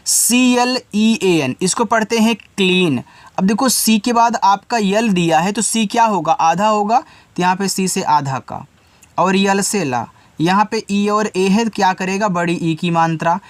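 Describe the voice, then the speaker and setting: A man giving an English lesson step by step, patiently repeating each word and its meaning and spelling letters out slowly. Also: sits high, dry recording. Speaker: English teacher.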